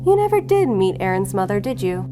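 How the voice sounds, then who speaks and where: An actress voices a cool, shrewd, controlled female investigator, a law enforcement agent, in an audio drama, bluffing, relentless, firm, and needling. Her mid-range voice is sing-song and fairly quick, close to an everyday voice. Music plays under her lines.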